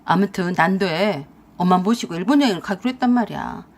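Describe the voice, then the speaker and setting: A woman voicing a lazy, scheming husband who whines and pleads in a lowered voice. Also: lively intonation, a little fast. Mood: whiny. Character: lazy, scheming husband, grown man, whiny and sly.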